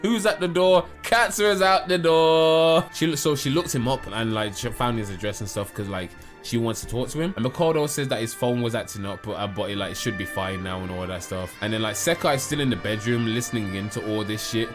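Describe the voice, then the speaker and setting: A man casually recapping episodes of a show, slipping into quick voices for the characters' lines. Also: on the low side, animated, soft background music. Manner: slangy storytelling, acts out characters' lines. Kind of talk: casual chat.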